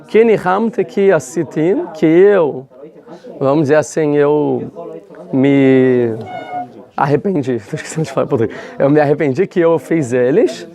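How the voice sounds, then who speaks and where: A man's voice: a little high, unhurried, creaky, warm tone. A man teaching a casual religious lesson, talking in a chatty way with frequent rhetorical questions and restarts. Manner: conversational, many fillers and restarts, rhetorical questions.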